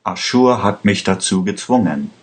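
A man voicing an armed, vengeful woman in a slowly read German storybook, lifting his pitch and speaking firmly and clipped. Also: lively intonation, lightly acted. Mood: commanding.

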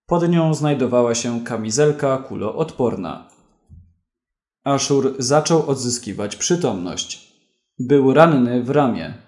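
A man narrating a story in a slow, deliberate, clear reading. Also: mid-range voice, animated, a little mellow, roomy sound.

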